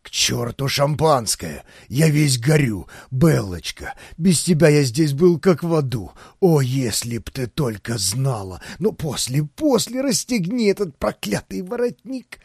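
A man voicing a blustering older male grand duke in an audiobook, booming and bossy. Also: very animated, a little slow, gravelly, hardly any pauses, a little mellow, breathy edge, no room sound, clean studio sound, full character voice. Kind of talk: audiobook character voice.

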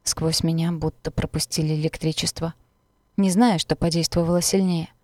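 Low-voiced woman narrating a story. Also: a little mellow, dry recording. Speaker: audiobook narrator. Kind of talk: first-person story narration.

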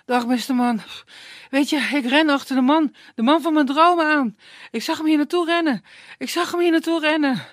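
A man's voice: extremely high pitch, normal speed, fairly bright tone, no room sound, studio quality, voice pushed up. A storyteller voicing a lovesick young woman who pleads anxiously for directions in a puppet tale. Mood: pleading.

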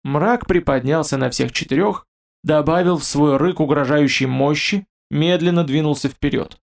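A man narrating a fantasy audiobook in a steady storytelling manner. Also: a little high, moderate pace, vocal fry.

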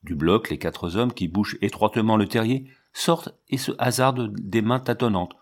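Low-voiced man narrating a novel. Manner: measured, steady storytelling. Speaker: audiobook narrator. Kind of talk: scripted literary narration.

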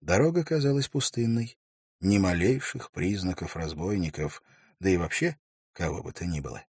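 A man narrating a fantasy audiobook in a measured, even storytelling manner, close to the mic. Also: sits low, slightly rough, no echo.

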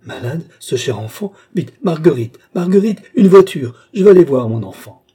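A man's voice: medium pitch, animated, moderate pace, warm tone, slightly rough. A man reading aloud gives voice to a proud young noblewoman, pleading and then flaring into commands. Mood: frantic. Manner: pleading, rising to commanding outbursts. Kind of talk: audiobook character reading.

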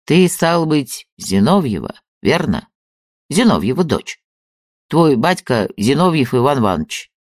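A man voicing a gruff, preachy old father. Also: medium pitch, sing-song, unhurried, no echo, clean studio sound. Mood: grumbling. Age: older. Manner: folksy, lecturing, plain-spoken. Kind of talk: audiobook character reading.

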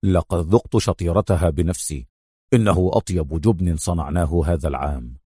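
A man doing a low-voiced henchman. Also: brisk, slightly rough, dry recording, clean studio sound. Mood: puzzled. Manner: low, hushed, questioning. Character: puzzled male restaurant henchman.

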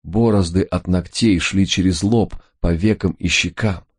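A man reads a noir crime audiobook in a very deep, husky voice. His delivery is measured and steady, scripted narration throughout.

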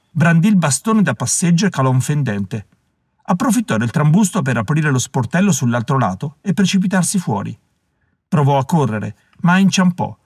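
Expressive male audiobook narrator. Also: mid-range voice, slightly rough, no echo, clean studio sound. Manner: measured, dramatic storytelling. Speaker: audiobook reader. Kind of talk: scripted narration.

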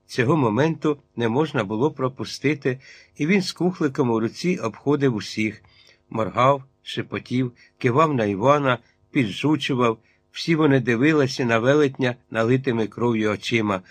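A man reading a literary novel aloud in a measured way, in short phrases. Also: medium pitch. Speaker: audiobook narrator.

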